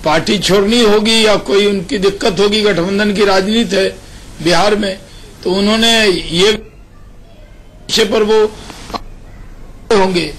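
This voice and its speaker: A man with a notably high voice argues his party's line in a television debate. He speaks firmly and insists on his case. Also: fairly even intonation, takes it slowly, pauses often, fairly bright tone, slight background noise, poor audio. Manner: firm, argumentative. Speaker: party spokesman. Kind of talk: political debate on a phone line.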